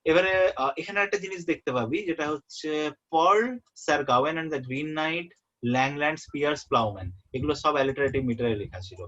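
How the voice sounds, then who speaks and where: A young man tutoring a student for an exam in a relaxed way. He often checks that the student is following and repeats the key terms. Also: fairly high pitch, fast talker. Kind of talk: informal exam-prep lesson. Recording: muffled lo-fi audio.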